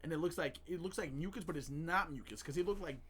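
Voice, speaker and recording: A man's voice: a little high, fast talker, fairly bright tone, slightly rough. A young man hosting a casual podcast chat with friends, jokey and laughing often. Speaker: podcast host.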